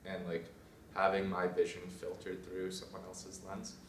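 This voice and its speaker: A young man, a fashion design student, chatting casually in a vlog, rambling and trailing off into quiet asides. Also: low voice, completely flat delivery, moderate pace, distant mic, a little hiss or hum. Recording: roomy sound from off mic, faint ambience.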